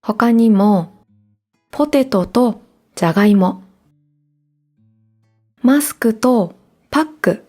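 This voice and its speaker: A woman hosts a learning podcast in a mellow, warm voice. She explains things clearly and gently in a calm, scripted way. Faint guitar music plays under her. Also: fairly high pitch, slow, pauses often. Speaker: podcast host.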